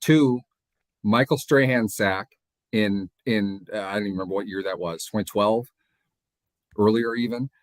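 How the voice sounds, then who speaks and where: Assertive low-voiced man ranting. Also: moderate pace, long pauses, no room sound. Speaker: podcast co-host. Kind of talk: casual sports podcast chat. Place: home room.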